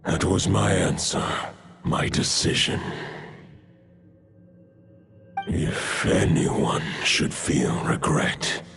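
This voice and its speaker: An age-old wolf spirit from a video game, speaking very slowly in a very low register. The delivery is solemn and archaic, weary yet stoic, with a gravelly grain. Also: male voice, animated, fairly bright tone, heavily acted. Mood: solemn, resigned. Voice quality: deep, gravelly. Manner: slow, formal, archaic phrasing. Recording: orchestral game music behind.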